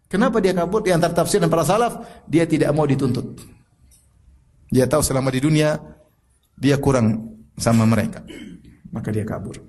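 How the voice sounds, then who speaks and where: A middle-aged man preaching a sermon, pressing the listener with repeated rhetorical questions and telling personal stories with a soft laugh. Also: on the high side, normal speed, pauses often. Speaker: Islamic preacher.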